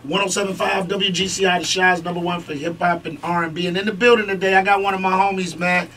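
A man hosts a morning radio show in an upbeat announcer style. His voice sits high and bright. It is picked up from across the room, with light hiss underneath. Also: fairly even intonation, fast. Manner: hype, upbeat announcer delivery. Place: radio studio. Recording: distant camera sound with faint noise.

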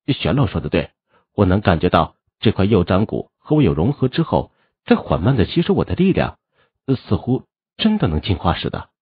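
Calm teen hero, relaxed, low and husky, man's own voice, audiobook. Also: fairly quick, no echo, phone-quality sound, exaggerated voice. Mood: friendly. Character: good-natured teenage boy hero, calm. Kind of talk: audiobook character voice.

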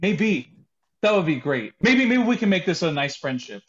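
An improv performer playing a ridiculously tall, self-assured champion boxer in a comedy scene. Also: male voice, high-pitched, very animated, moderate pace, lo-fi sound. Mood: gracious. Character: absurdly tall proud champion boxer, man.

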